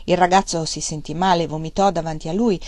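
A woman reading a novel aloud as an audiobook, in steady, measured narration. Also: on the low side, dry recording. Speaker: audiobook reader. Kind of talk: scripted narration.

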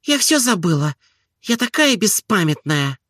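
Man doing a proud, easily offended young woman for an audiobook; high, animated and bright. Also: no echo, clean studio sound, full character voice. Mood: flustered. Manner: high, quick and lively, flaring up. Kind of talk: audiobook character reading.

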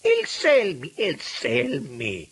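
A man reading an audiobook, voicing a weary, bitter old male government minister in a low, heavy, muttering way. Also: animated, measured pace, husky, exaggerated voice. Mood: angry. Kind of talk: audiobook character voice.

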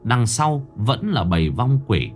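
A man narrating a horror story in a dramatic, expressive scripted style. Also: mid-range voice, unhurried, soft background music.

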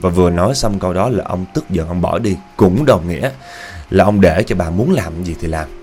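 A man's voice: low voice, a little fast, faint music behind. A man telling a horror story to viewers in a casual, emphatic way. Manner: animated, emphatic repetition.

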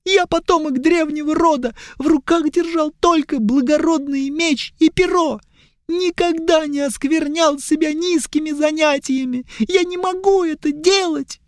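A man voicing a highborn young male elf prisoner who pleads plaintively, close to tears. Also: a little slow, no echo. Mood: tearful. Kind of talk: audiobook character voice.

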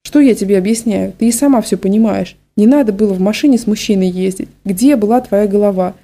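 Stern, resigned school director, woman, slow firm delivery, dark tone, read by a woman. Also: medium pitch, natural voice.

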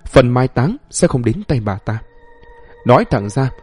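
Man reading as a vengeful ghost girl, bitter and accusing, dark husky tone, storybook horror. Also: mid-range voice, big pitch swings, unhurried. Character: vengeful young female ghost, bitter and cold.

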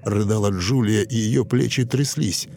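A man narrating a dramatic audiobook in a measured, expressive way. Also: fairly low pitch, a little hiss or hum. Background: soft music.

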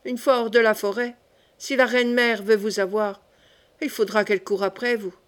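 A woman's voice: fairly high pitch, steady tone, moderate pace, close to an everyday voice. A woman reading the part of a bold, loyal young male captain, speaking in a resolute, soldierly manner. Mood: determined. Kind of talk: audiobook character reading.

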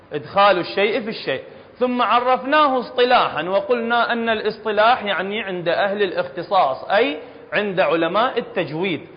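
A man with an Iraqi Arabic accent teaching Quran recitation rules to a class, quizzing students and patiently repeating each point. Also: sits high. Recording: reverberant hall, dull lo-fi sound.

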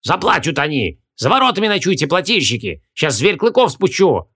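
A man's voice: a little high, big pitch swings, a little fast, sharp tone, slightly rough, voice pushed up, full character voice. A man voicing a fearful, grumbling rustic innkeeper in his sixties, with folksy speech and a fretful whine. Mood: gruff shouting. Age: 60s.

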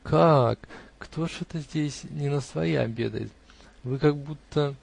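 A man's voice: medium pitch, a little slow, gravelly, warm tone, slightly rough. A man voicing an insolent young male official who needles and mocks with heat. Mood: needling.

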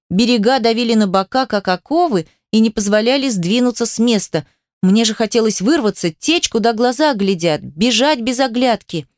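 A woman reading a novel aloud as the narrator, steady first-person storytelling. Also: a little high, dry recording, clean studio sound. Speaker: audiobook narrator. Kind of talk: scripted narration.

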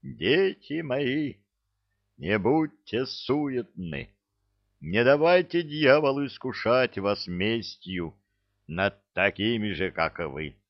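A man voicing a huge, muscular young man who poses as a pompous preacher, speaking in a slow, solemn, sermon-like way. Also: medium pitch, lively intonation, no echo, lo-fi sound. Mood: solemn preaching.

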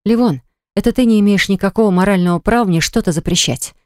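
Reader doing stubborn young mom, snappy and defiant, audiobook. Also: female voice, fast talker, dry recording, clean studio sound, close to an everyday voice. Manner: sharp, defiant, shrill when upset. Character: stubborn indignant young mother. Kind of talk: audiobook acting.

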